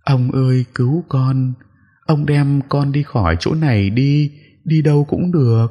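A man voicing a young female ghost in a spoken horror story, high and pleading. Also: expressive, slow, slightly rough, in a large hall, dull audio, exaggerated voice.

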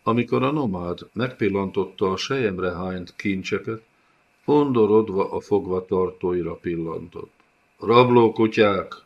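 A man reads a fantasy novel aloud as audiobook narration, in a steady storytelling delivery. His voice sits low. The sound is dull and lo-fi. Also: vocal fry. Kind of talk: scripted narration.

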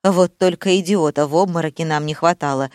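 A woman voicing a gruff, unflappable male worker who talks flat and dismissive. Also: low voice, brisk, no echo, studio quality, close to an everyday voice. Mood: irritated.

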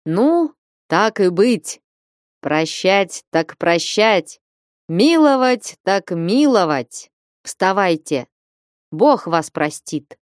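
A thundering old peasant patriarch from a storybook, hot-tempered but soft underneath, as a woman narrator puts him on. He shouts his words out slowly, with heavy weight, in a dry, close sound. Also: mid-range voice, big pitch swings, dry recording. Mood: gruff kindly.

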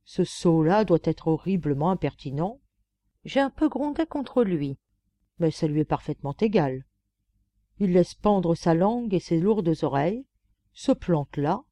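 Storybook lapdog voiced by a female reader: gossipy, pampered, confiding; mellow tone, close dry mic. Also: fairly low pitch, no room sound. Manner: chatty, confiding, mocking. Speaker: audiobook reader. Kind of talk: audiobook narration.

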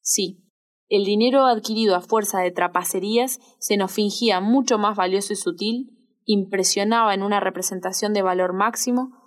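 Woman reading a novel aloud. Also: medium pitch. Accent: Rioplatense Spanish. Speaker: audiobook reader. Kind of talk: literary audiobook narration.

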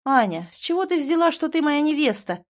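A woman's voice: high voice, very animated, brisk, voice pushed up. A woman voicing a blunt, irritated young man in an audiobook, speaking in a curt, exasperated way. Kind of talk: audiobook character voice.

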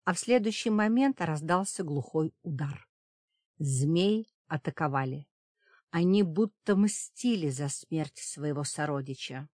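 A woman reading a fantasy audiobook as first-person narration, in a steady dramatic storytelling manner. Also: low-pitched, unhurried, dry recording, clean studio sound. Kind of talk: scripted narration.

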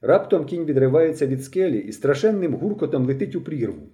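A male narrator reads a novel aloud in a dark, mellow voice. His delivery is expressive and dramatic, and he leans into the tense moments. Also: on the high side, fairly quick. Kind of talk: audiobook reading.

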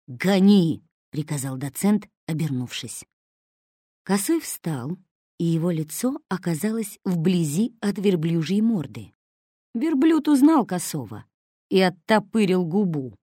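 A woman narrating an audiobook with lively, wry storytelling, recorded close and dry. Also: on the low side, slightly rough, dry recording. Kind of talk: scripted narration.

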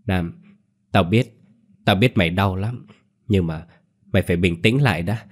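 A man's voice: low voice, measured pace. A man reading a tearful young woman. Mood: consoling. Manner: choked, consoling.

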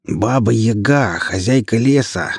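A man's voice: lowish voice, lively intonation, measured pace, creaky, darkish tone, slightly rough, no echo, clean studio sound, heavily acted. A man voicing a bald, self-taught male mage with old-fashioned, courtly manners in an audiobook.

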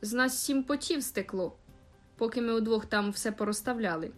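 A woman's voice: on the high side, moderate pace, faint music behind, lightly acted. A woman doing a grumbling young man from a storybook. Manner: complaining, chatty, exaggerating.

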